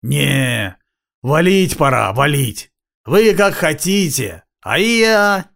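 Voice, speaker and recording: Man voicing a raspy street bum, crude, high-pitched, drawling. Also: big pitch swings, takes it slowly, a bit bright, heavily acted. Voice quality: raspy, hoarse. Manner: swears constantly, drawls.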